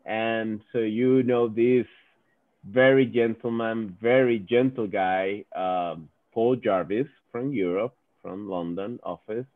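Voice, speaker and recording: This guest speaker is a company executive from Venezuela whose first language is Spanish, chatting informally over a video call in accented English. He has a fairly low-pitched voice and comes across as earnest, frequently repeating words as he looks for the right ones. The recording is dry, with the phone-like quality of video call audio.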